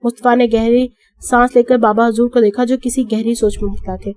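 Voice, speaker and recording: Slightly high woman narrating an audiobook. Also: flat delivery, darkish tone.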